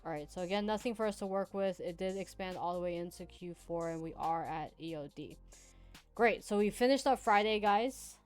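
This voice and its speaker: Low-voiced chatty woman. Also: a little fast, soft background music. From United States (Hawaii and Virginia). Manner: chatty, laughing, reads out viewer chat. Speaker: trading streamer. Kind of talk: casual live backtesting commentary.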